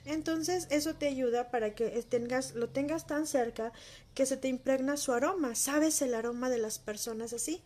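A woman with a high voice gives a heartfelt personal testimony. She speaks in an emotional, intimate way, as if confiding in one listener. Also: moderate pace, darkish tone.

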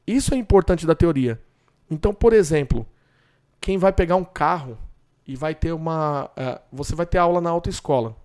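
A man with a slightly high voice talks through dog training step by step. He explains in a relaxed, chatty way and often circles back to repeat a point. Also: normal speed. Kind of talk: instructional talk.

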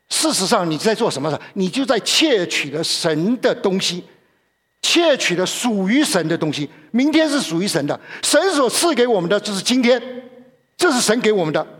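A man's voice: sits high, sing-song, normal speed, a bit bright, breathy edge. A man preaching a sermon in a conversational way, often repeating himself and putting questions to his listeners.

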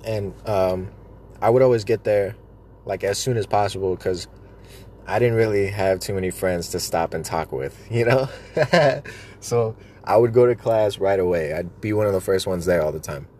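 A man's voice: deep voice, normal speed, mellow. A man rambling through stories in a casual, joking, sweary way, talking with chewing tobacco in his mouth.

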